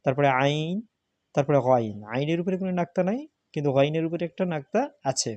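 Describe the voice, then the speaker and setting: A man's voice: fairly high pitch, fast talker, a little mellow, no room sound, highs cut off. Man, patient tutor, repeats letter names, dry recording. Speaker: Arabic alphabet teacher. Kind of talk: step-by-step spoken lesson.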